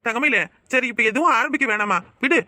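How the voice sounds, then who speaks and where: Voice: sits high, quick pace, bright, forceful tone, no echo. A performer voicing a peacemaking older father in a cartoon, speaking with a Kanyakumari Tamil accent. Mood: placating. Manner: pleading, placating. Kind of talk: cartoon voice acting.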